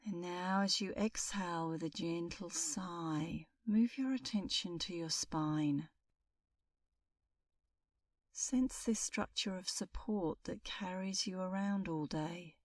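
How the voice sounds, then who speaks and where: A middle-aged meditation instructor talks listeners through a meditation, calm and soothing, very slow, pausing at length. Her voice is a touch low, captured from a distance in a very dry recording without any room echo.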